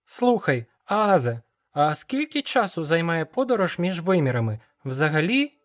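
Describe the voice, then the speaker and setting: A man's voice: fairly high pitch, big pitch swings, normal speed, pitched above the performer's own voice. A man voicing a curious young male apprentice wizard in an audiobook, with an eager, questioning manner and a raised voice.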